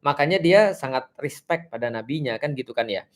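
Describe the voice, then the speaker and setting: A man from Indonesia giving an animated explanatory talk in a religious discussion, acting out short exchanges and laughing at his own jokes. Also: mid-range voice, a little fast.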